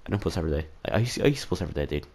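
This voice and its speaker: A man with a rumbling low, husky, slightly mellow voice races through a casual year-in-review vlog with lots of animation. The channel host rambles, swears, mocks himself and tacks "dude" onto nearly every sentence.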